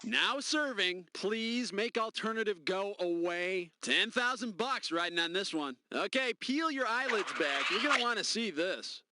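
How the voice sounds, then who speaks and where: A man's voice: high-pitched, animated, measured pace, hardly any pauses, background noise. A man playing a brash, sarcastic quiz game host who teases the player. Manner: snarky, teasing, showman delivery. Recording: game audio with loud music.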